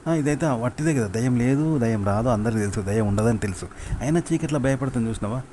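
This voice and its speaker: A man with a Telangana accent teaches in a relaxed, informal way at an ordinary mid pitch. He circles back over the same points and keeps checking in with rhetorical questions. A faint hiss of background noise sits under his voice. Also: fast. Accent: Telangana Telugu. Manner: repetitive, asks rhetorical questions to the listener. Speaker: writing teacher. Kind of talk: informal spoken lesson.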